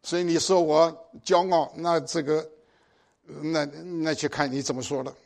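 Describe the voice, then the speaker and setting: High-voiced older preacher, exhorting. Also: male voice, steady tone, measured pace, gravelly. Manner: exhorting, with pointed rhetorical questions. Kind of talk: sermon.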